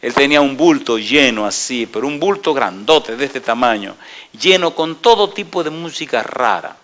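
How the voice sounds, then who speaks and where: A middle-aged male pastor preaching a sermon, asking the congregation rhetorical questions and telling stories with lively energy. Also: mid-range voice, normal speed.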